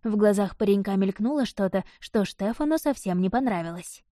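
Dark-voiced woman narrating a fantasy tale. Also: mid-range voice, expressive, a little fast, dry recording, clean studio sound. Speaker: audiobook narrator.

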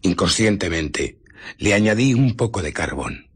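Frustrated and tense, an actor with a lowish, animated male voice portrays an embittered invisible scientist in a radio drama, narrating and in dialogue. Telling of his furtive exploits, he takes deliberate, dramatic pauses, and his husky, breathy tone slips into whispers.

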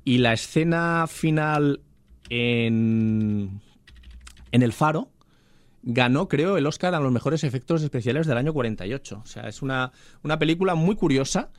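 A man's voice: mid-range voice, expressive, normal speed, dry recording. A man, co-hosting a podcast and chatting enthusiastically about old films. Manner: enthusiastic storyteller. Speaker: podcast co-host. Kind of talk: casual chat about films.

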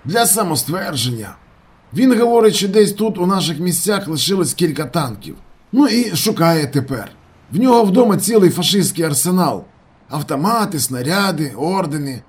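A man's voice: a little high, expressive, normal speed, husky, voice pushed up. A man voicing a cheerful gas station owner who explains things in an amused, matter-of-fact way.

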